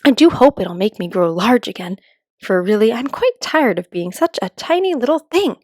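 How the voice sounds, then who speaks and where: A dreamy, curious little girl from a storybook, played by a woman. Her voice is fairly high and a bit prim as she reasons things out aloud to herself. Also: sing-song, moderate pace, darkish tone, no room sound, clean studio sound. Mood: curious, hopeful. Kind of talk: children's storybook read-aloud.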